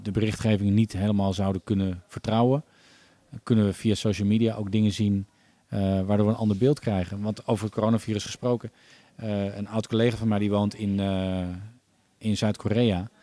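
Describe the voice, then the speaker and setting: Low, dark-voiced man musing. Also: level tone, brisk, no echo. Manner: thoughtful, many hesitations and restarts. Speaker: podcast guest. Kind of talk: casual podcast conversation.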